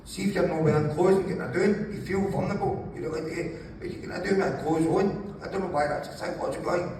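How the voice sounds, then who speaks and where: Speaking quickly in a high, gravelly voice, a man guesting on an interview tells casual, jokey stories laced with swearing. It's animated storytelling, captured by a distant mic in a very echoey room with faint noise.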